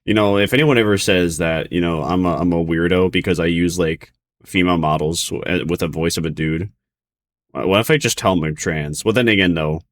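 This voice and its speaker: A man's voice: sits low, brisk. A man streaming casual reaction commentary, rambling in a bemused, hesitant way.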